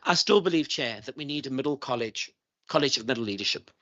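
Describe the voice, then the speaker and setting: Speaking fast and animatedly, a middle-aged man serving as chief schools evaluator gives earnest, emphatic testimony to a parliamentary committee and repeats his key points. His mid-range voice is a bit bright with no room sound, captured in dull lo-fi committee room audio.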